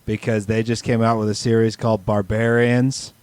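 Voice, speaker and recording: Chill dude cohost, laughs a lot, clean dry mic. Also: male voice, lowish voice, level tone, normal speed, darkish tone, clear, resonant tone, no echo. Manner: laid-back, laughs often, says "dude". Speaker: podcast co-host. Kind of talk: casual chat. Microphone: studio microphone.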